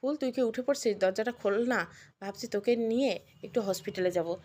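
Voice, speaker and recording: A woman voicing a caring middle-aged aunt in a Bengali audio story, speaking in a gentle, motherly way. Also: on the high side, brisk, close to an everyday voice. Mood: calling.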